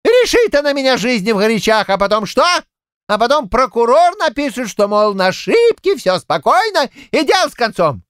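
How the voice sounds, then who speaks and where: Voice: mid-range voice, sing-song, moderate pace, clear, resonant tone, dry recording, studio quality, lightly acted. A performer voicing a garrulous, boastful old Cossack man who rambles in folksy village speech, in an audiobook. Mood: grumbling. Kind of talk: audiobook character voice.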